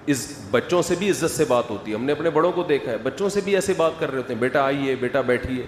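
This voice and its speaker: A middle-aged man giving a lively sermon, asking the audience questions and acting out quoted voices. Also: on the high side, slight background noise. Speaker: Islamic scholar giving a talk. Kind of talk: lively sermon with humorous asides. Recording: echoey hall with faint ambience.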